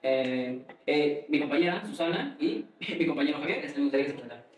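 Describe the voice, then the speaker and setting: Fast-talking young man, echoey room. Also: a little high, far from the mic. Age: young adult. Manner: fast, rambling, many fillers. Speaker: host. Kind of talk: casual student podcast conversation.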